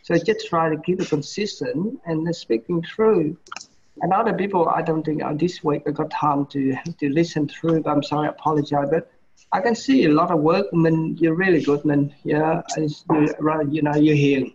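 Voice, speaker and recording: A man's voice: fairly high pitch, steady tone, normal speed, a little mellow. Man giving hesitant feedback, lo-fi. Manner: hesitant, repeats and restarts words, many fillers. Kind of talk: casual classroom feedback.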